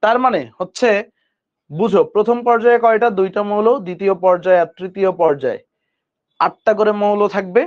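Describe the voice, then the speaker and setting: A high-pitched man with a Dhaka Bengali accent leads an online chemistry lesson. He asks questions and has students repeat lists back to him. The audio is dull and lo-fi. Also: moderate pace. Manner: quizzes students with call-and-response recitation. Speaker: chemistry tutor. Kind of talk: online admission-prep lecture.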